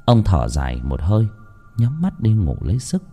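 A man narrating a ghost story in an expressive, lively reading voice. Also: lowish voice, moderate pace, husky, soft background music.

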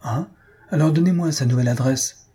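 Guy putting on a carefree young ladies' man, bit higher, husky. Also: brisk, dark tone. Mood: casual. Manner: breezy, lighthearted.

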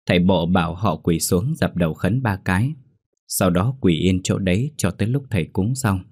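Man, ghost story narration, steady dramatic telling, very deep voice, dry close sound. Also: no echo.

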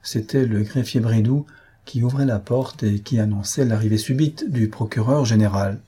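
A man narrating a novel as an audiobook reader in an even storytelling delivery. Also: fairly low pitch, moderate pace, husky. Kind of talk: scripted narration.

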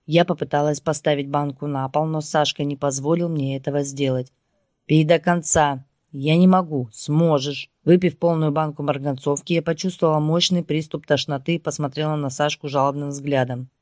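A woman reading first-person audiobook narration in a steady storytelling voice. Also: low voice, fairly quick, few pauses, no room sound, studio quality.

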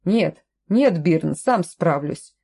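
A woman doing a gruff stubborn villager man. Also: on the low side, animated, slow pace, mellow, exaggerated voice. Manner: blunt, hoarse-edged.

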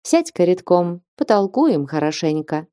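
A woman reading an audiobook and voicing an elderly abbess who speaks in a slow, grave, measured way. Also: lowish voice, very animated, warm tone, clean tone, no echo, clean studio sound. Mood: tender. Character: stern but loving elderly abbess.

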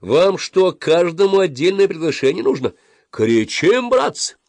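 A man's voice: lowish voice, animated, normal speed, no room sound. A man reading aloud voices a bossy young boy who leads his friends and gives stern orders.

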